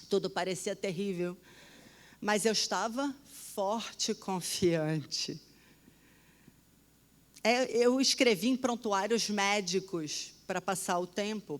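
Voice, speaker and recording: A woman telling a personal testimony in an animated, dramatic way, often dropping to a hushed voice. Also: mid-range voice, measured pace, long pauses. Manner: animated, dramatic storytelling with sudden drops to a hush. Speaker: storyteller.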